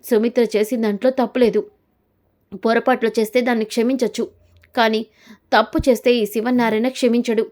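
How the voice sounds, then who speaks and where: Old grandfather, proud, scolding, put on by a woman narrator, fairly high. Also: little pitch movement, brisk, pauses often, a little mellow, close to an everyday voice. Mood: angry.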